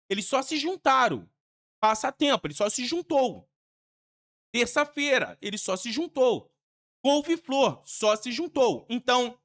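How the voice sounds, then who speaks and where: Higher-voiced Brazilian woman teaching grammar. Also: a bit bright. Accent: Brazilian Portuguese. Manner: emphatic and repetitive, with casual slang. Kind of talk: exam-prep grammar lesson.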